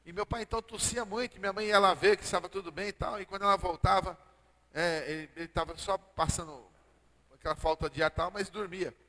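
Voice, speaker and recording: High-voiced Brazilian pastor preaching. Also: male voice, fairly even intonation, a little fast, sharp tone. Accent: Brazilian Portuguese. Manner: preaching with call-and-response "Amém?". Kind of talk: sermon. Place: church hall. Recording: long church-hall reverb.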